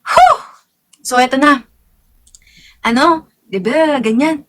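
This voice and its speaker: A young woman vlogger telling a story in casual chat, animated and gushing, with drawn-out exclamations and giggles. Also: high-pitched.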